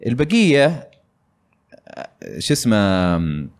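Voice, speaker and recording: A man's voice: medium pitch, huge pitch swings, measured pace. A man hosting a casual gaming podcast, talking in a rambling way with many fillers. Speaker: podcast host.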